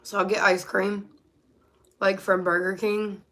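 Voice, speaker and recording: Casting: woman, mid-pitched, tired, casual livestream Q&A delivered while eating, mouth sometimes full. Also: level tone, a little slow, a bit bright. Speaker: live streamer.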